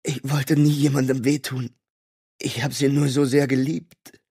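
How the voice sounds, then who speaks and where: A man voicing a dying older father who speaks weakly and haltingly in an audiobook. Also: medium pitch, level tone, mellow, dry recording, clean studio sound. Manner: weak, halting, breathy.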